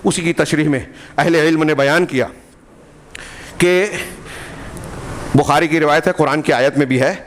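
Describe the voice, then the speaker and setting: A man with an Indian Urdu accent giving a Friday sermon in a mosque. He explains terms in short repeated phrases and rises to fervent, emphatic peaks before dropping low. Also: fairly even intonation, long pauses, slight background noise. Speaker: preacher.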